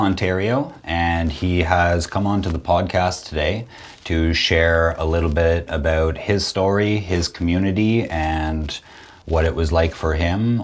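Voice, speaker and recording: A young man hosting a podcast interview, talking slowly and haltingly, with many restarts. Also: sits low. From Quebec. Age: young adult. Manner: slow, hesitant, many restarts. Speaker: podcast host. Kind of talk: casual interview.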